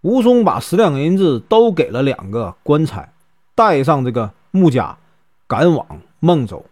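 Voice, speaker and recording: Lively Northeastern storyteller man. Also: a little high. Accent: Northeastern Mandarin. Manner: chatty, with many drawn-out fillers. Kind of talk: casual storytelling.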